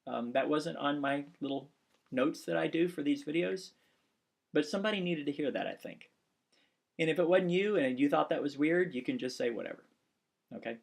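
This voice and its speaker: A forty-something man with a gravelly, husky voice, giving a casual class announcement. He talks in an earnest, rambling way, restarting sentences and filling pauses with fillers. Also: a little high. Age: 40s. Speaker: instructor and pastor. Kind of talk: casual course announcement video.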